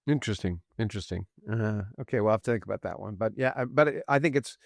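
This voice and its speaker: A man's voice: on the low side, quick pace, creaky, no room sound, clean studio sound. A man hosting a podcast interview, talking conversationally and jumping in with his own points. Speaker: podcast host.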